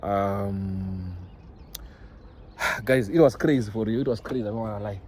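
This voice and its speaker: A young Zimbabwean-accented man vlogs casually to his followers, his lowish voice unhurried and a little mellow. He is emphatic and repeats himself for stress, mixing in English phrases. It's a phone recording with noisy background ambience.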